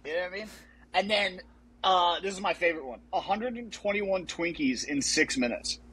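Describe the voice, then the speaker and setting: A man's voice: high-pitched, normal speed, sharp tone, breathy edge, rough recording. A young man co-hosting a casual sports podcast, joking and chatty. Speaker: podcast co-host.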